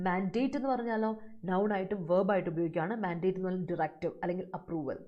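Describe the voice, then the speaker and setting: A woman teaching English vocabulary in a live online exam-prep class. She explains each word in Malayalam and reads student answers aloud slowly. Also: on the low side, fairly even intonation, lo-fi sound.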